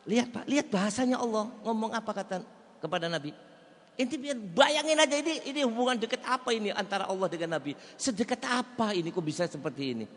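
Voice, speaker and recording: A man's voice: high-pitched, lively intonation, quick pace, fairly bright tone. A male preacher, giving a weekly mosque sermon full of rhetorical questions to the audience and chanted Arabic phrases. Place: mosque hall. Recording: echoey hall reverb.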